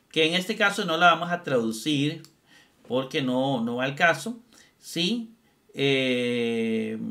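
Bright-voiced man teaching Greek grammar. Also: fairly high pitch. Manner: thinks aloud, repeats terms, asks "¿verdad?". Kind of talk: screen-recorded lesson.

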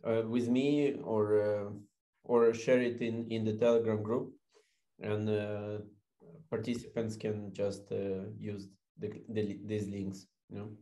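A man co-hosting a webinar over a video call, speaking haltingly with many fillers. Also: fairly low pitch, flat delivery, dark tone. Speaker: co-host and moderator.

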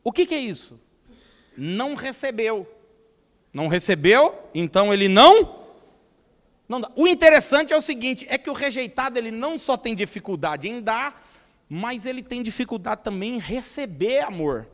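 A pastor from Brazil with a São Paulo state accent, preaching a lively, humorous sermon and acting out the people he talks about. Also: very high-pitched, normal speed, long reverb tail. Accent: Brazilian Portuguese, São Paulo state. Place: church hall.

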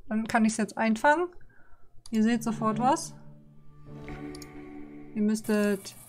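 A woman's voice: on the high side, takes it slowly, a little mellow, faint music behind. A woman streaming a game live, chatting casually, reading menus aloud and grumbling sarcastically at the login screens. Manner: reads on-screen text aloud. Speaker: livestreamer. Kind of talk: casual livestream chat.

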